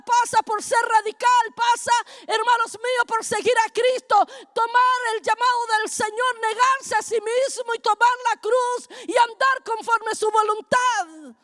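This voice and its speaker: A middle-aged woman, preaching a fervent sermon that builds to shouting. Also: extremely high pitch. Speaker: apostle preaching at a congress.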